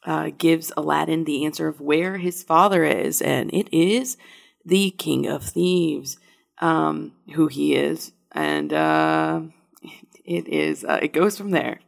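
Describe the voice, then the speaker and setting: A woman's voice: sits low, gravelly. A woman chatting casually on a podcast, hesitant with many ums and uhs. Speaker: podcast co-host.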